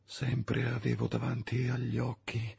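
A man narrating an audiobook in a theatrical way, dropping to hushed whispers and rising to loud outbursts. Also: medium pitch, completely flat delivery, a little slow, vocal fry, husky. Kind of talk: dramatic audiobook reading.

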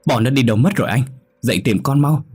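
A man voicing a frantic young mother who shouts and cries out for her missing son in a spoken horror story. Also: low voice, fast, breathy edge. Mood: distraught. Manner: crying, shouting out.

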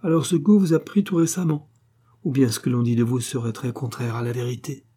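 A man's voice: mid-range voice, fairly even intonation, brisk, mellow, breathy edge, lightly acted. A man voicing an overbearing baronet who mocks and commands, in a read-aloud novel. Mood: sneering. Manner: mocking, commanding. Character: overbearing, sarcastic baronet with booming voice.

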